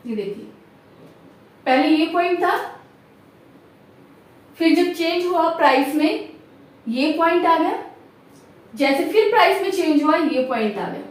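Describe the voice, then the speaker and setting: A woman's voice: very high-pitched, lively intonation, a little slow, pauses often, distant mic. A woman teacher explaining a lesson step by step, often checking understanding and asking rhetorical questions. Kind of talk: classroom lecture. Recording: echoey room, voice off-mic.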